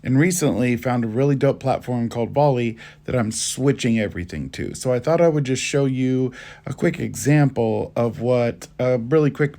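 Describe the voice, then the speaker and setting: A man who teaches music, giving a casual video lesson in a slangy, relaxed way with a bit of swearing. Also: medium pitch.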